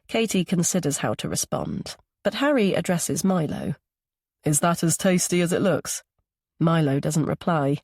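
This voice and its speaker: A woman narrating an audiobook thriller in a steady, measured way. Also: low voice, no room sound, studio quality. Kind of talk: scripted narration.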